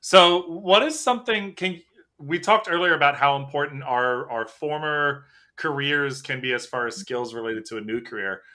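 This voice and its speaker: A man hosting a casual podcast chat, telling stories in an animated, talkative way. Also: fairly high pitch, moderate pace. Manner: chatty, animated storyteller. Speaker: podcast host.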